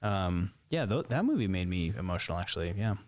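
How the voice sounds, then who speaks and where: A man's voice: sits low, very animated, brisk, a little mellow. A man co-hosting a podcast, chatting casually about films with frequent restarts. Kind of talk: casual chat.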